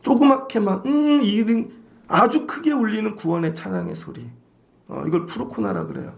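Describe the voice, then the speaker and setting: Male pastor, high and gravelly, animated sermon delivery. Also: moderate pace. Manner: animated preaching, acting out voices of others.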